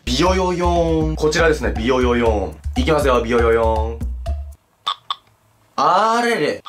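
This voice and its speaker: Excitable young man hosting a comedy video. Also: over music. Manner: excitable, quick swings in pitch, joking complaints. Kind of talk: casual comedic chat with impressions.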